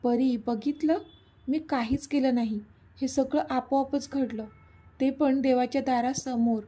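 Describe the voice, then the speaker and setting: A woman's voice: high voice, fairly even intonation, measured pace, dark tone. A woman voicing a playful, affectionate young man in a read-aloud story. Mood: soothing. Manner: teasing, easygoing. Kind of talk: storybook reading.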